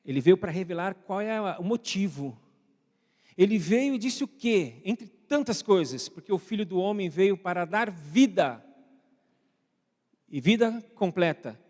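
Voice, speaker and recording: A man's voice: sits high, lively intonation, unhurried, darkish tone. A man with a Brazilian accent preaching a conversational sermon in church, often asking the congregation questions and speaking to viewers at home. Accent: Brazilian Portuguese. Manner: asks the congregation frequent questions; addresses online viewers at home. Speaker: pastor. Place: church hall. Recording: long church reverb.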